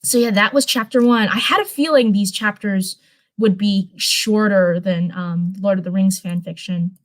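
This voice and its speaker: With a mid-range voice at normal speed, a woman performs a live-stream read-aloud of fan fiction. She trips over and repeats some lines, and drops into casual chat in between.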